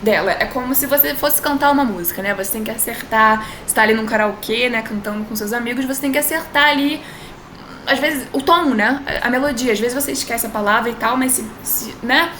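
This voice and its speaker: A woman with a higher, very bright voice gives a relaxed online language lesson, slowing down to model each sentence. The sound is roomy and echoey, with a faint hiss underneath. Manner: chatty, drawn-out model phrases, frequent tag questions. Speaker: language teacher. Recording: echoey room with faint noise.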